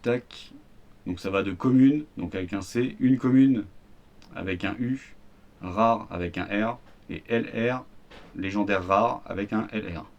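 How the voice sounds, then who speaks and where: A man's voice: on the low side, unhurried, lo-fi sound. A man with a French accent, casually presenting the cards of a starter deck, rambling with fillers and slang. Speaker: card game YouTuber. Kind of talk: casual deck unboxing commentary.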